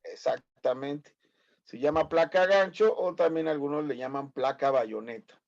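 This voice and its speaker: A man in his fifties with a Mexican Spanish accent teaches a medical class online, teasing his students, correcting them, and firing off plenty of quiz questions. His voice is fairly high and darkish, his pace unhurried, and the recording sounds muffled.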